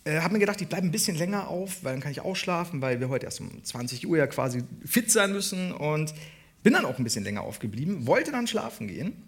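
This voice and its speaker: A man co-hosting a comedy podcast live on stage, telling an animated anecdote with laughter and acted-out voices. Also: on the high side, fast talker. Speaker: podcast co-host. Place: on stage before a live audience in a large hall.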